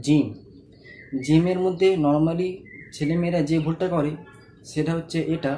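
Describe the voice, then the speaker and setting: A man, teaching a pronunciation lesson and patiently repeating each sound slowly for learners to copy. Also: fairly high pitch, dark tone, slight background noise. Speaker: Quran reading teacher.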